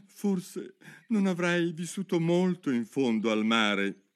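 A tearful sea turtle from a storybook, its voice pitched far above his own and swooping wildly up and down. It wails and stretches its words out slowly, shrill and theatrical. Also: very animated, full character voice. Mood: mournful. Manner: shrill, wailing, drawn-out and tearful. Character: weepy sorrowful sea turtle creature, theatrical.

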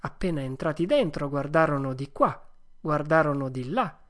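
A woman's voice: low-pitched, animated, moderate pace, very noisy. Woman reading a storybook aloud. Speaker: narrator.

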